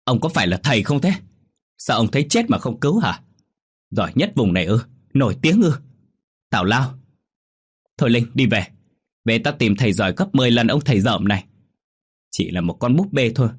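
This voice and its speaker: A man voicing a blunt, quick-tempered young woman who scolds her friend, in a spoken ghost story. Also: on the low side, lively intonation, darkish tone, husky, dry recording, clean studio sound. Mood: angry.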